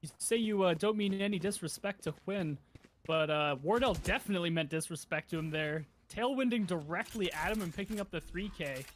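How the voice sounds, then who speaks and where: A man giving color commentary as an esports caster, animated and sounding incredulous as he analyzes the plays. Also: high-pitched, a little fast, a little hiss or hum.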